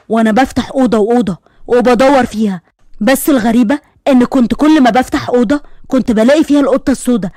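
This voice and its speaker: A woman with an Egyptian accent narrates a first-person horror tale in a quick, suspenseful run of speech. Her voice sits a little high, recorded close and dry with no room sound. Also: darkish tone, dry recording. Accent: Egyptian Arabic. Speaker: storyteller.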